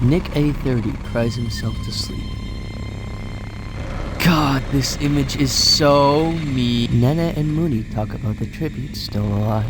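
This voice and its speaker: A man's voice: mid-range voice, gravelly, rough recording. Male narrator, hammy stage-actor delivery, dramatic reading of game events, music underneath. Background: background music.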